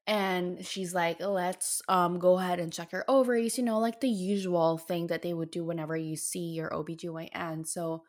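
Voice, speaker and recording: A woman's voice: on the low side, steady tone, normal speed, hardly any pauses, darkish tone. A young woman casually telling a personal story in an earnest, emotional way, with lots of fillers. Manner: earnest, emotional, speaks in bursts with many fillers. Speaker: storyteller sharing a health journey.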